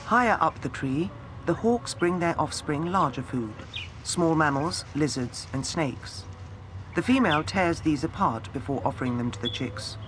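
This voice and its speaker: A man reading scripted nature documentary narration in a measured, storytelling way. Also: fairly high pitch, animated, noisy background. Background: background music.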